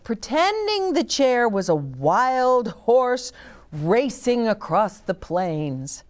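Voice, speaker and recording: Reading a children's storybook aloud, a medium-pitched story time host pauses for brief asides that explain things to her young audience.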